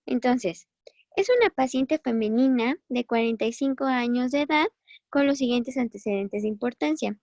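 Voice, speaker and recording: A woman gives a recorded medical lecture, chatty and encouraging, stopping now and then to correct herself. Her voice sits fairly high. The sound is dry and a little dull, as if from a close, cheap mic. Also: normal speed, a little mellow, dry recording. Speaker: medical teacher.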